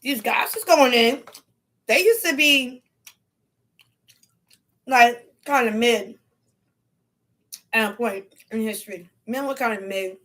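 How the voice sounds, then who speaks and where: High-voiced woman chatting while chewing. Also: slow, pauses often, a bit bright. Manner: chewing while talking, eating; slangy, playful, opinionated, breaking into laughs. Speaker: solo livestream vlogger. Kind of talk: casual chatty livestream monologue. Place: at home.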